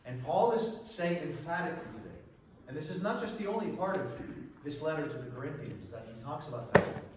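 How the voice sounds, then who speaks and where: A man preaching a sermon from a distance in a heavily echoing church sanctuary, with faint room noise behind him. His voice sits a little high for a man and swings widely in pitch as he leans on rhetorical questions. He is a priest addressing his congregation with emphatic energy. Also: animated, fairly quick.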